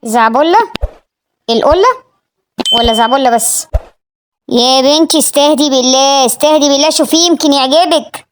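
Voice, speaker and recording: A woman's voice: high-pitched, fairly quick, pauses often, noisy background, close to an everyday voice. A woman playing an exasperated middle-aged mother with an Egyptian accent who scolds and nags her daughter. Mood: scolding. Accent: Egyptian Arabic. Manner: scolding, nagging.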